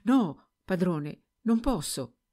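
A frightened, tearful young servant girl who pleads in halting, drawn-out words, as a woman narrator puts her on. Her replies lift well above the reader's own low voice in this storybook reading, and they waver up and down. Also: expressive, dark tone, full character voice. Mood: pleading, frightened.

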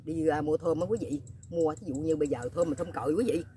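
Woman vlogging, rambly chatty storytelling, talks fast, lowish voice. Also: steady tone, warm tone, slight background noise. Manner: rambling, chatty, keeps asking viewers "you know what?". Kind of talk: casual storytelling to viewers.

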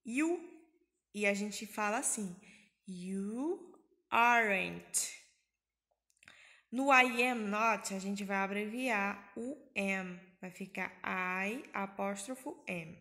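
A woman's voice: mid-range voice, slow, sharp tone. A woman from Brazil with a Bahia accent, teaching an English grammar lesson in Portuguese, patiently repeating and translating each example.

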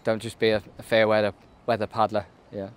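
A man's voice: on the low side, little pitch movement, brisk, smooth. A man in his thirties, interviewed outdoors by a lake, giving matter-of-fact answers and saying "yeah" often. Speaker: army canoe racer being interviewed.

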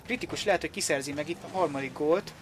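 A man giving excited live play-by-play commentary on a video game match, like a sports commentator. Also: a little high, slight background noise. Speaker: esports commentator.

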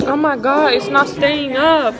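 A woman's voice: sits high, steady tone, a little slow. A teenage girl vlogging in a casual, playful, chatty way, often exclaiming. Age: teens. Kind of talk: casual vlog chat. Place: school classroom and home. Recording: loud crowd and background noise.

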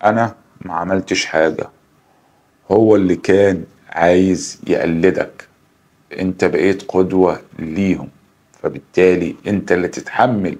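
A man voicing a proud, defiant female jinn, a king's daughter, who speaks in a low, hushed and threatening way.

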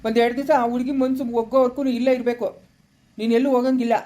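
A woman's voice: a little high, level tone, rapid-fire, mellow, close to an everyday voice. Woman playing a grumpy village father. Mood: commanding. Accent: Chikkaballapur rural Kannada. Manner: scolding, exasperated. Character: grumpy middle-aged village father, male. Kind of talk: village comedy skit.

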